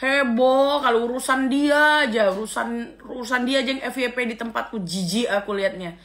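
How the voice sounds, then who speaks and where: A middle-aged woman talks straight to camera in a casual reaction rant, scornful and quick to exclaim in disgust. Her voice sits a little high and comes across bright and sharp. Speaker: vlogger.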